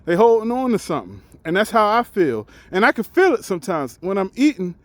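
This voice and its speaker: A man's voice: high voice, big pitch swings, fairly quick, no echo. A truck driver in his forties, talking candidly and reflectively in a casual vlog while out on a walk, often restarting his sentences as he thinks aloud. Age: 40s.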